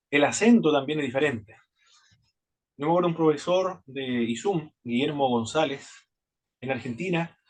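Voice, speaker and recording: Husky Chilean man giving a Bible lecture. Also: medium pitch. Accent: Chilean Spanish. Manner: halting, many restarts and repeated words. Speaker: Bible institute teacher. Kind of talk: classroom lecture.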